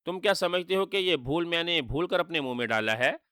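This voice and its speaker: Sharp-tongued trickster hero, defiant and sarcastic , done by a man, slightly high, bright. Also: lively intonation, brisk, clear, resonant tone, dry recording, studio quality. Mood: defiant, growling. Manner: sarcastic, insulting retorts.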